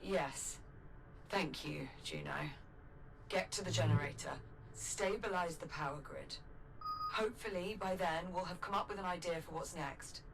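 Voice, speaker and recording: A woman playing a steady, resolute space captain in a video game, direct, firm and caring. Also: on the low side, normal speed, noisy background, close to an everyday voice. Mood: reassuring.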